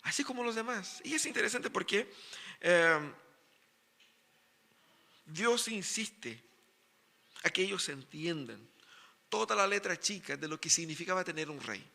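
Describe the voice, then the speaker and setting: A man's voice: high-pitched, expressive, measured pace, creaky, pauses often, sharp tone. A man preaching an emphatic sermon as pastor in a church. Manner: emphatic preaching, voices characters in quotes. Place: church sanctuary. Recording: reverberant church hall.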